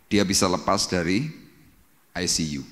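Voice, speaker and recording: A man's voice: deep voice, a little slow, fairly bright tone. A male pastor preaching dramatically to a congregation, acting out cries and sound effects. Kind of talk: Pentecostal sermon. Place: church hall. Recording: long church-hall reverb.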